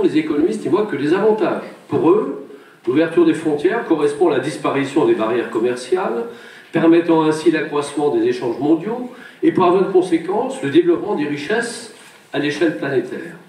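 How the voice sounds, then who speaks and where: A man's voice: fairly high pitch, darkish tone. A man delivering a formal, prepared address in a solemn, oratorical manner with rhetorical phrasing. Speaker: wine brotherhood orator. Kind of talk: formal prepared speech to an assembly. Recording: echoey room, distant microphone.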